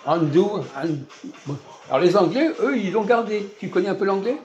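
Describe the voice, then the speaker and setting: A man leads a casual, teacherly chat in a fast-food restaurant. His voice sits a little high, and he quizzes his guest with repeated questions and sudden emphatic bursts. Faint music plays behind him. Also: lively intonation, muffled recording.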